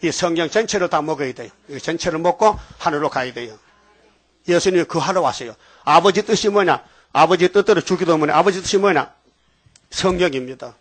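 High-pitched guy preaching, folksy, jumps into story voices, keeps asking the crowd stuff. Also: fairly quick. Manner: animated storytelling preacher, acts out biblical voices; folksy, calls out to congregation. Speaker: pastor. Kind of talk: sermon.

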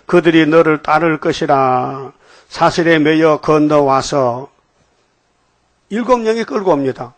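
An older male pastor preaches in a loose, folksy style. His voice sits somewhat high for a man. He keeps checking in with the congregation and sometimes bursts out loudly. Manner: animated, asks congregation for responses; folksy, rambling preaching with sudden loud exclamations. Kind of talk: sermon.

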